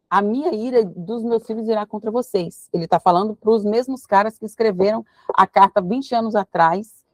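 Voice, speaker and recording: Woman, Bible study teacher. Mid-pitched voice, dry close recording. Slow scripture reading mixed with lively preaching talk. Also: no echo. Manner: reads scripture slowly, then explains in a lively, conversational preaching tone.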